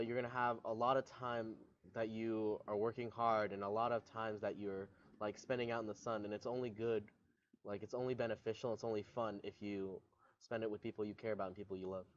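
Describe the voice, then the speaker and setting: A teenage boy giving a relaxed, chatty interview answer about his time in band. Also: fairly low pitch, lo-fi sound. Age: late teens. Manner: relaxed and chatty, with many fillers. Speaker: graduating marching band member.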